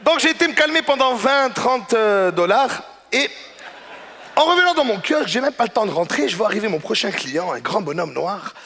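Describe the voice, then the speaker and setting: Wry stand-up comedian. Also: male voice, high-pitched, sing-song, normal speed, pushed and bright. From Quebec. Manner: wry, self-deprecating, hesitant replies. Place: large theater stage. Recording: stage mic with hall reverb, faint noise.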